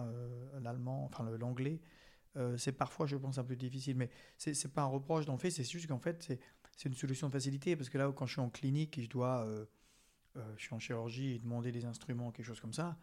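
A man's voice: mid-range voice, steady tone, brisk, dark tone. A young man from France, a guest on a podcast, talking casually and hesitantly with many fillers and restarts.

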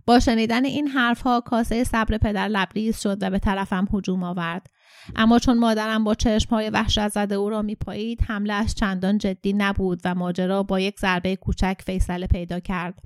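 A woman narrates an audiobook story in a steady, clear storytelling voice. Her pitch sits in the middle, and the recording is close and dry. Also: no room sound.

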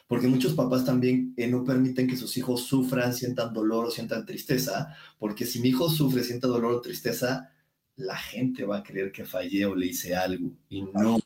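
Mexican guy, mellow voice, calm coaching talk, roomy echo. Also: medium pitch, moderate pace. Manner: calm, coaching tone, everyday examples. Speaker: guest speaker. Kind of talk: explanatory conversation. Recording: echoey room.

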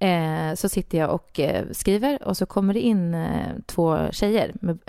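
A woman with a low, gravelly voice tells a personal story as a guest author. She talks in a casual, animated way, full of fillers and restarts, and the recording is close and dry. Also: dry recording. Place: Stockholm studio.

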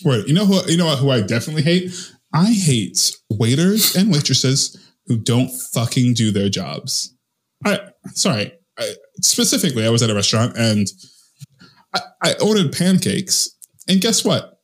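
A man co-hosting a casual film podcast, telling stories in an animated way. He swears freely, and his voice leaps high at each punchline before dropping back to a mid-pitched everyday tone. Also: normal speed. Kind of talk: casual chat.

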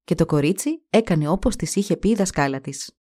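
A woman with a slightly low voice narrating a folk fairy tale. She reads in a steady, expressive storytelling manner and gives each character a voice of its own.

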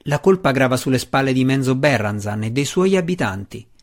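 An earnest, wry dark elf warrior, voiced by a male narrator. He talks in a pressing, slightly raised voice, as he pushes a friend in a fantasy audiobook. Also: medium pitch, lively intonation, a little fast, close to an everyday voice.

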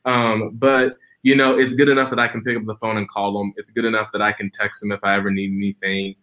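A man's voice: on the low side, little pitch movement, quick pace, sharp tone. A man in his twenties, a preacher and podcast guest, telling a personal story in an earnest, reflective way with frequent restarts. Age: 20s.

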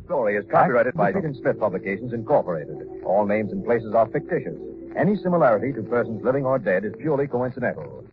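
A man's voice: fairly low pitch, very animated, fast. Male old-time radio announcer, declamatory and scripted, band-limited vintage sound over music. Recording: tinny vintage radio broadcast, music behind.

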